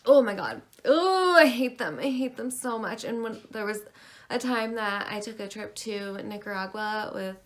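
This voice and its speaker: A young woman from Maine talks to her viewers in a loose, rambling vlog chat, full of quick asides. Her voice sits at an ordinary middle pitch and carries a heavy, gravelly vocal fry. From Maine, USA. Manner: chatty, rambling, animated. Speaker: beauty vlogger. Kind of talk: casual chat.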